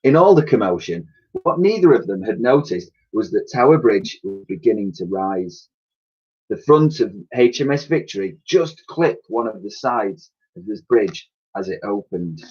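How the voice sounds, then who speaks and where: A man, a primary school teacher, reading a children's story aloud in a lively way and acting out the sound effects, in a dull, lo-fi recording. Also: fairly low pitch, normal speed, breathy edge.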